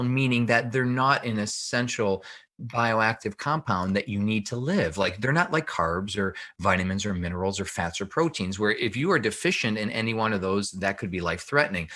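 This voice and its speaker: A man with a fairly low, slightly bright voice appears as an expert guest on a podcast; he is a health researcher and author. In explanatory interview talk, he speaks emphatically and didactically, often posing questions and answering them himself.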